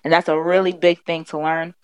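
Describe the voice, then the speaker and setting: A woman's voice: deep voice, flat delivery, brisk, clean tone, dry recording, rough recording. A woman in her twenties, the host's daughter, speaking bluntly and outspokenly in a casual interview. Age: 20s.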